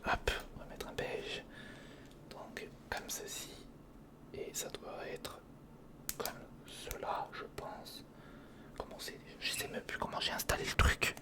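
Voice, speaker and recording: Slowly, a man whispers through a casual, improvised ASMR build-along he's hosting. His voice is breathy and mostly voiceless, going from hesitant muttering to himself to chatting with the viewer.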